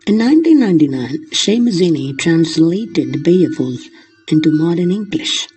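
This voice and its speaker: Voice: mid-range voice, very animated, normal speed, mellow, husky, soft background music. A lecturer explaining literature in the manner of a lesson, glossing terms in simple words along the way.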